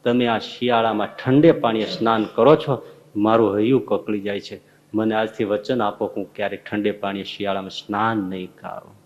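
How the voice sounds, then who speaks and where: A devoted elderly aunt, as a male preacher puts her on, pleading in a low, hushed voice. The recording has a slightly dull, muffled tone. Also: fairly even intonation, normal speed, natural voice. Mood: earnest pleading. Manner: soft, low and earnest.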